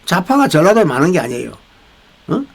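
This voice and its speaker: A man's voice: fairly high pitch, very animated, brisk, gravelly, husky, low-quality recording. An older man hosting a veterans' channel, giving a rambling political commentary with many restarts and tag questions. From South Korea.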